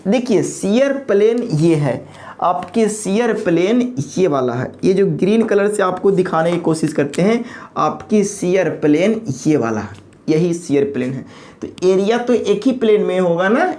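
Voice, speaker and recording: A woman giving an engineering lecture, posing questions to the class and answering them herself, repeating key terms slowly. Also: medium pitch, darkish tone.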